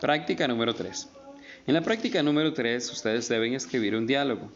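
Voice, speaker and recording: A male teacher explaining spelling rules in a recorded lesson, stretching out and stressing each example word slowly and emphatically. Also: mid-range voice, highs cut off, faint music behind.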